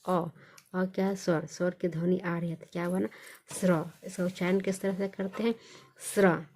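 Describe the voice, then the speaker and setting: A woman teaching a basic reading lesson, asking questions and answering them herself, repeating each sound slowly. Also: fairly low pitch, flat delivery, a little mellow.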